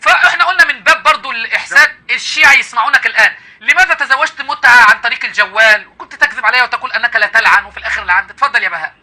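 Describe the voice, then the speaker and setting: An Egyptian man hosts a heated live call-in, taunting his caller with mocking laughter. His speech races along at a very fast clip. His voice is high and sharply bright. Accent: Egyptian Arabic. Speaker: live-stream host. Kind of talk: confrontational live call-in debate.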